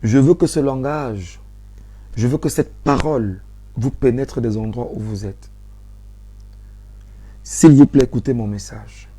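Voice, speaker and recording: A Cameroonian man with a very dark, mellow voice addresses his live-stream audience. His Cameroonian French accent carries a low-key, soft-spoken delivery. He keeps repeating himself, pleading and pressing the point with growing urgency. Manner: insistent, repeats phrases, pleading.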